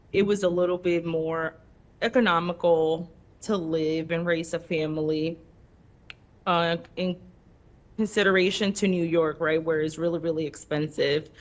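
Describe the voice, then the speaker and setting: A woman in her thirties from the Dominican Republic, a native Spanish speaker, speaking unhurriedly in a lower voice. She talks as a relaxed interview guest, with frequent pauses. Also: dull audio. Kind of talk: casual interview talk.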